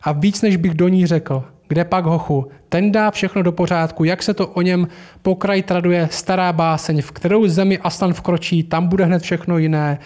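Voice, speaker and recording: A man's voice: high voice, fairly even intonation, darkish tone, lightly acted. A man reading aloud as a proud, eager male beaver in a children's fantasy story.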